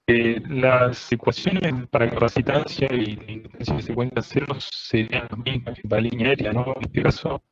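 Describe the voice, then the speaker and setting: A man's voice: medium pitch, steady tone, normal speed, hardly any pauses. A male student asking a question in an online class, his voice coming through choppy and muffled like a drive-thru speaker, often restarting his phrases. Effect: choppy, muffled internet call audio like a drive-thru speaker. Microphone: computer mic on a video call. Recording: lo-fi, breaking-up internet call.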